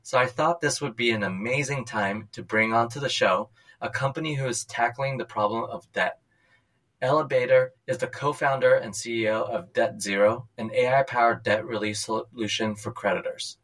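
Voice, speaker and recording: A man's voice: mid-range voice, moderate pace, a bit bright, poor audio. A man hosting a podcast, reading a prepared introduction and then asking questions in a casual, upbeat way. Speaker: podcast host. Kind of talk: scripted intro and casual interview.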